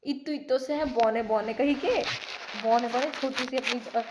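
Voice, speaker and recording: A woman's voice: sits high, normal speed, echoey room, heavy background noise, close to an everyday voice. Woman mimicking her scoffing mother. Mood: mocking. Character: scolding mother mocking teens' talk of life.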